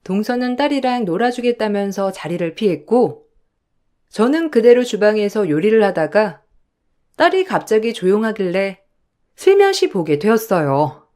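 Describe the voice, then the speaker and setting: A woman's voice: medium pitch, big pitch swings, moderate pace, a little mellow. Woman narrating a family story. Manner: first-person confiding retelling.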